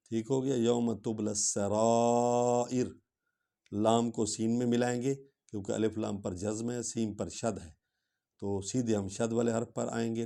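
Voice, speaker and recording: A man teaching Quran tajweed, reciting verses slowly and melodically, then quickly explaining the rules in between. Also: fairly low pitch, warm tone.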